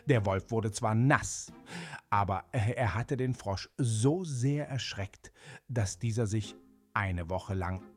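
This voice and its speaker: A man narrating a children's animal fable in a gentle, unhurried way with small fillers. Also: lowish voice, faint music behind. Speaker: storyteller.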